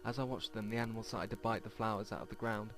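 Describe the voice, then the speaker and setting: With game music behind him, a fast-talking man with a fairly low, slightly bright voice and fairly even intonation hosts a let's play, reading visual novel text and now and then stumbling over words.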